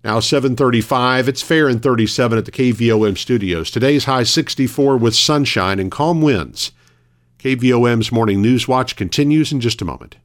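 A man reading scripted local morning radio news as the host, in a measured announcer delivery. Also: mid-range voice.

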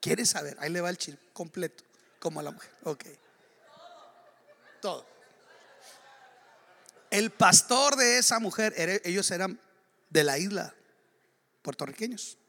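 High, bright-voiced preacher man. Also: a little slow, gravelly, long pauses. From Ecuador. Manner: storytelling, bursts of high excited exclamations. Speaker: pastor. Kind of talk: sermon.

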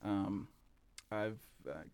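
A man talking as an interview guest about his café, relaxed and rambling, with plenty of fillers and restarts. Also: fairly low pitch, extremely slow, clean tone, no room sound. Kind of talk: casual interview chat.

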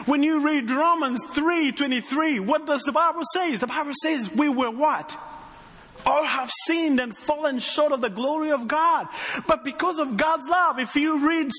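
Preaching in a large hall, this guest pastor from Rwanda has a very high-pitched voice that sounds pushed and bright. His accent is his own with a hint of Texas, and his sermon is emphatic, packed with repetitions and call-outs.

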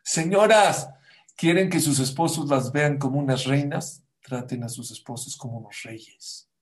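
A man giving a sermon, telling a parable and acting out its people in an animated way. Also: medium pitch, normal speed. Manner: animated storytelling, acts out the couple and the rabbi in quotes. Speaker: rabbi. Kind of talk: sermon with a told story.

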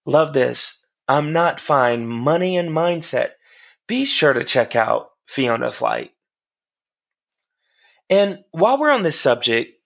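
Hoarse, gravelly man hosting a podcast. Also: medium pitch. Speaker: podcast host. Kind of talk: motivational podcast talk.

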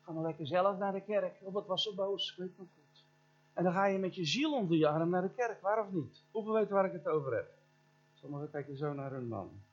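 Middle-aged male preacher, animated storyteller who addresses the congregation and mimics sounds, dull lo-fi church recording. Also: sits high, fairly quick. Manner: imitates sounds and voices in his story. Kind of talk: storytelling sermon.

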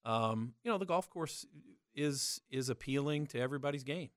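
A man talks casually as a sports radio guest. His voice sits at a middle pitch, recorded dry and without room echo. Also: lively intonation, normal speed, smooth. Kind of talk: casual golf interview.

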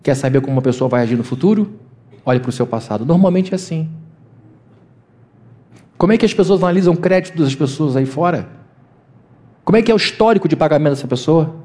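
A man preaching from the pulpit in a conversational sermon. His voice sits a little high for a man but sounds soft and mellow. He keeps breaking into quick acted-out voices that leap up in pitch. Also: animated. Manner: conversational preaching, acting out quoted voices with big pitch jumps. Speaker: pastor.

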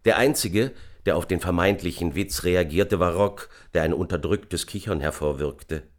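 A man reading an audiobook in a measured, dramatic narration. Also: sits low. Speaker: audiobook reader. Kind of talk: scripted narration.

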